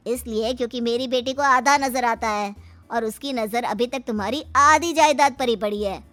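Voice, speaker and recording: A woman's voice: a little high, moderate pace, a bit bright, dry recording, close to an everyday voice. A woman voicing a shrewd, firm, wealthy father with assertive, sly bargaining in a moral story. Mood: threatening.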